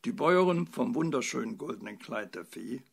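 A man reading a humorous fairy tale aloud in an expressive, playful storyteller manner. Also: medium pitch, a little fast, vocal fry, slightly rough.

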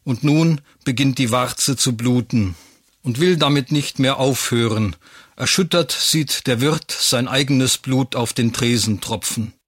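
A man narrating a written story in a wry, even storytelling manner, recorded close on a studio mic. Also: medium pitch, measured pace, husky, no echo.

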